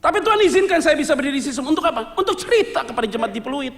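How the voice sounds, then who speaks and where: A male pastor preaching a sermon, telling his story in a lively, joking way and mixing in English words. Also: very high voice, rapid-fire, in a large hall. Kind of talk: sermon testimony. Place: church sanctuary.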